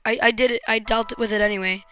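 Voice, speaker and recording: A woman vlogger telling a painful personal story to camera, frank and raw, with hesitant pauses and swearing when upset. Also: fairly high pitch, fairly even intonation, bright, forceful tone, soft background music.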